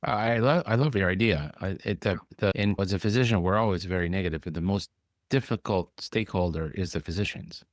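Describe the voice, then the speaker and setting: A man who is a physician hosting a podcast, talking bluntly in casual conversation and mimicking others in a high whine. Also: fairly quick, no echo, clean studio sound.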